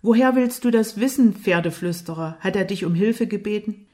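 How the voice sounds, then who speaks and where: A woman voicing an angry, jealous young man who speaks loudly and with hostile taunts, in an audiobook. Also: lowish voice, a little slow, natural voice. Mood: taunting.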